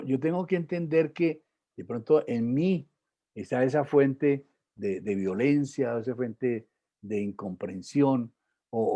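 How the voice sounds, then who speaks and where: Warm, husky man giving a talk. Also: mid-range voice, highs cut off. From Colombia. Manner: conversational, peppered with tag questions and fillers. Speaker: lecturer. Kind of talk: public talk on emotions and spirituality.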